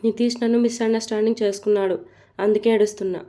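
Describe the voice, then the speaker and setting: A woman voicing a gentle, tearful young female boss in an audio story. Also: medium pitch, level tone, very fast, natural voice.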